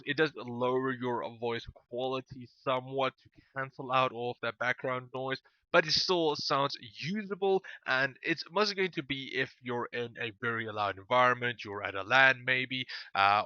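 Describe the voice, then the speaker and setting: A man's voice: mid-range voice, dry recording, lo-fi sound. Man through a noise-cancelled headset mic. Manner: relaxed, explanatory, many fillers. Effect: AI noise cancellation artifacts on a headset mic. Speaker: tech reviewer. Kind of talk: casual product review. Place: home room with air conditioner running. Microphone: gaming headset microphone.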